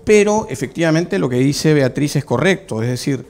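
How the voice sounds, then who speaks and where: A man, a lawyer, speaking in a panel discussion in a measured way with frequent hesitations and fillers. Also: on the high side, lively intonation, vocal fry, a little mellow. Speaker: lawyer and political candidate.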